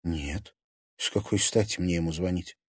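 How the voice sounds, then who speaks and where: Young woman, hushed and lower, read by a man, dry close mic. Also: normal speed, no echo. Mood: bewildered. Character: young woman, puzzled and defensive girlfriend. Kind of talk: audiobook character reading.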